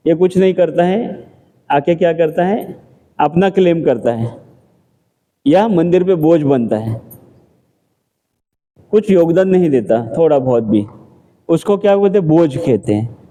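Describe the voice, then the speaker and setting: A man's voice: on the high side, dark tone. A man giving a scripture class in a temple, talking conversationally and answering his own rhetorical questions. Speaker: temple lecturer.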